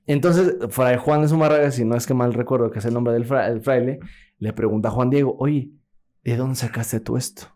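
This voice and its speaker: A man's voice: medium pitch, a little fast, a little mellow. A man with a Mexican accent co-hosting a comedy podcast, tossing in playful jokes as he retells stories. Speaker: podcast co-host. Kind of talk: comedic political podcast banter.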